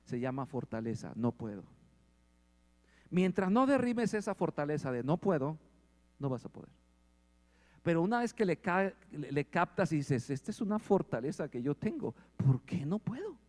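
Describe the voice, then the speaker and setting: Preacher with booming hall echo. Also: male voice, big pitch swings, normal speed, a little mellow. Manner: asks the congregation questions and swells in volume. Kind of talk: sermon. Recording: long hall reverb.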